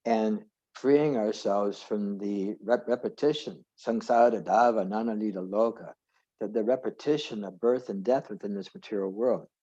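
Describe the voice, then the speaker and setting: A man with a low, mellow voice leads an informal scripture class. He wanders off on tangents and stops to correct himself. His voice comes over a muffled video call line. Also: moderate pace, husky. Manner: rambling, self-correcting, digressive. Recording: dull lo-fi video call audio.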